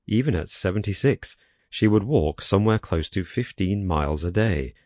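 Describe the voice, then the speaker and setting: Deep-voiced man narrating a horror audiobook. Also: animated, a little mellow, no room sound, studio quality. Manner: measured, first-person storytelling with wry asides.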